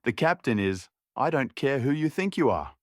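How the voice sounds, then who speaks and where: A man voicing a young woman passenger who speaks politely and grows frightened, raising his voice high for her. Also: sing-song, moderate pace, no echo, studio quality, lightly acted. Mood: polite, panicked. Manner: polite, rising to frightened shouts.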